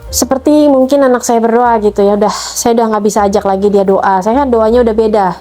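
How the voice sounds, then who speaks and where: A woman's voice: fairly even intonation, fast, warm tone, soft background music. A middle-aged woman telling a personal testimony about her child, emotionally retelling events and acting out the dialogue. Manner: emotional retelling, acts out dialogue with rising pitch. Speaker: mother telling her conversion story.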